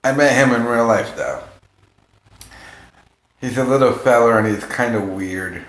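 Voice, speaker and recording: A man's voice: mid-range voice, measured pace, a bit bright, slight background noise. A man chatting casually and profanely as a livestream host, rambling and jumping from topic to topic. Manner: rambling, jumps between topics. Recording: roomy, echoing room sound.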